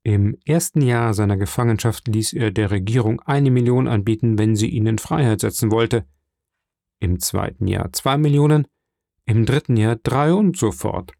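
A man's voice: fairly low pitch, moderate pace, vocal fry, warm tone, no echo, clean studio sound. A man voicing an offhand, slightly mocking male prison governor in an audiobook reading.

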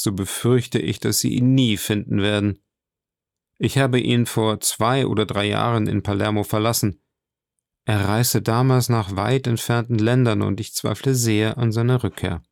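A man voicing a mysterious nobleman who answers in a measured, solemn way in an audiobook reading. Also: fairly low pitch, fairly even intonation, vocal fry, dry recording, studio quality. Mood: grave. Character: mysterious noble count, grave and composed.

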